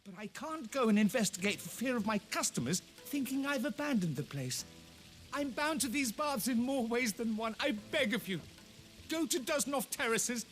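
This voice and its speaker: An actor playing a desperate, pleading bathhouse owner in a video game. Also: male voice, very high voice, animated, normal speed, a bit bright, soft background music. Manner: pleading, anxious. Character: desperate middle-aged male bathhouse owner.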